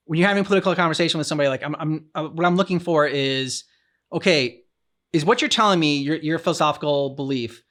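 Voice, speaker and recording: With a fairly high, fairly bright voice, a co-host on a game reaction show talks loosely about a game's plot. He rambles along, often restarting and repeating his phrases.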